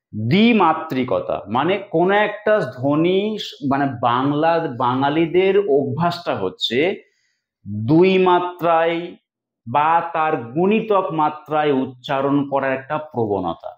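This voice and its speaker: A fairly high-voiced man gives an exam-prep lecture, breaking words into syllables and repeating them slowly. The sound is dull and lo-fi, with a roomy echo around him. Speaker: teacher. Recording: echoey, dull lo-fi room sound.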